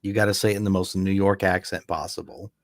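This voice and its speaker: This low-voiced podcast co-host talks at a quick pace during a laid-back movie commentary, rambling and repeatedly starting his sentences over. The sound is clean studio quality without echo.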